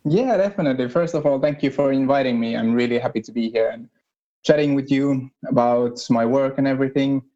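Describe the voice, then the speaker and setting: A young man from northern Finland with a Finnish accent, a guest explaining his research at a measured pace. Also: medium pitch, dark tone, muffled recording. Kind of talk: casual interview.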